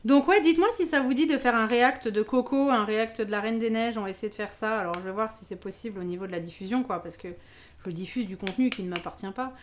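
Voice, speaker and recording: A woman's voice: on the high side, fast talker. A woman hosting a live baking stream, chatting casually with her viewers, exclaiming over her work and laughing often. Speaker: live-stream cooking host.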